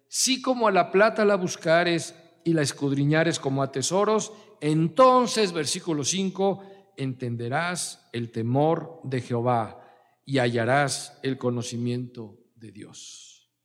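A man's voice: a little high, big-room sound. A middle-aged man with a Mexican accent preaching a sermon, mixing scripture with personal stories in a conversational way. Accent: Mexican Spanish. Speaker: pastor.

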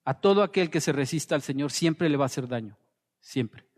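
Impassioned preacher in a reverberant hall. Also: male voice, on the high side. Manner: impassioned preaching, dropping to soft slow quotes. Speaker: pastor. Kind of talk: sermon.

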